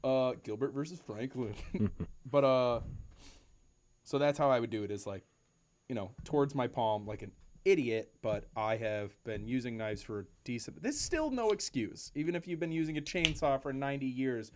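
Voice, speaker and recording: A man co-hosting a podcast from home, telling animated, profane stories and laughing often. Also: mid-range voice, slight background noise. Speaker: podcast co-host. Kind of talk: casual chat. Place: home room with cats nearby.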